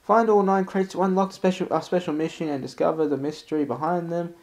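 A man's voice: a little high, steady tone, fast talker, a little mellow. A man hosting casual gameplay commentary in a sweary, self-deprecating way. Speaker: gaming host.

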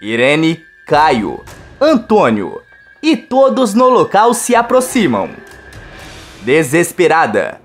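A woman narrating a soap opera recap in a slow, steady storytelling manner. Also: deep voice, faint music behind.

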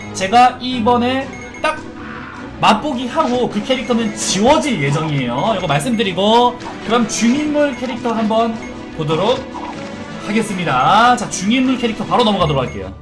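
Korean guy streamer, lively up and down voice, chatty, music going behind him. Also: sits high, normal speed. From South Korea. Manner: chatty, bursts into excited shouting during battles. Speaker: game streamer. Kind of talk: sponsored mobile game playthrough.

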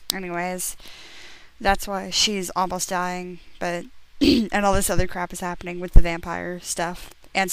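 A woman's voice: fairly low pitch, clear, resonant tone, rough recording. A young woman reading a story aloud with sarcastic, giggly asides, on a close dry mic. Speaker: reader of a parody fanfiction. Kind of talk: mocking dramatic reading with asides.

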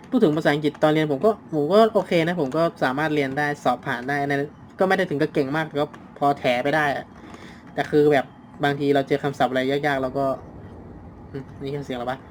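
An excitable man commentates a horror game he is playing, narrating his moves to himself. His talk is loose and casual, peppered with swearing. Behind him sits a faint hum of background noise. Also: fairly high pitch. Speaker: gaming channel host. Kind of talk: let's play commentary.

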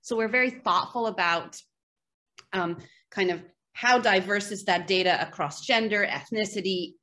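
A woman's voice: medium pitch, normal speed, bright, forceful tone. A woman in her thirties from Egypt, a panelist speaking earnestly and fluently on a video call from a room at home, with frequent "you know" fillers. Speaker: panelist, AI scientist. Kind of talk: virtual panel talk.

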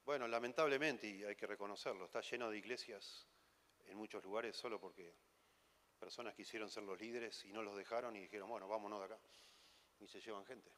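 With a lowish, slightly bright voice and fairly even intonation, an Argentine-accented man preaches fairly quickly at a conference. The sermon is teasing and conversational, full of rhetorical questions, and the hall lends it long reverb.

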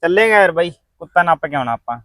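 Punjabi-accented man for a comic sketch, high voice, faint noise behind. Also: expressive, quick pace, a bit bright. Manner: weepy then scolding. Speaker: comedy sketch actor. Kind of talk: comic village sketch acting.

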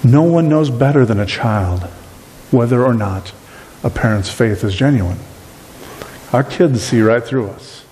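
A middle-aged man preaching a sermon as pastor of a small church, animated and gesturing widely. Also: medium pitch, a little slow, pauses often, slight background noise. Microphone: far camera at back of room. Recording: long reverb from a church hall.

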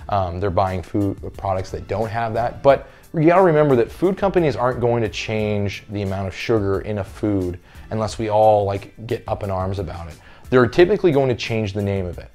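Casting: thirties male fitness coach, lowish voice, chatty explainer, small indoor room, faint music under. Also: darkish tone. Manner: conversational, frequent "all right?" check-ins. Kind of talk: casual talking-head lesson. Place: carpeted room with window blinds, indoors.

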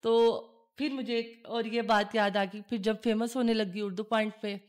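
A woman hosting a podcast who tells personal stories in a casual, animated way and acts out the dialogue. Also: a little high, moderate pace. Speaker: podcast host. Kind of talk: casual chat, personal storytelling.

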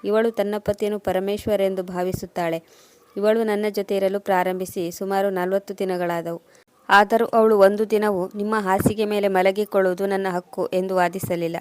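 A woman reads a scripted first-person story at a steady, even pace. Her voice stays flat and level, sitting at an ordinary pitch. The recording is close and completely dry, with no room echo. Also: moderate pace.

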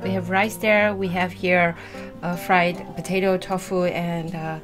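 Chatty woman in her thirties hosting a food video, music playing clearly behind. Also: fairly low pitch, little pitch movement, measured pace. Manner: chatty, presents each dish. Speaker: host of a food channel. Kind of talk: casual mukbang chat. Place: sunny room with large windows, indoors. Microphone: table mic in front of the couple. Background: music in the background.

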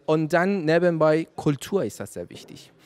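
A man, answering interview questions in halting speech with many fillers, into a handheld mic at an indoor event. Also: a little high, very animated, a little mellow, clean tone. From Iran. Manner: hesitant, many fillers, searching for German words. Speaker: radio volunteer interviewee. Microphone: handheld reporter mic.

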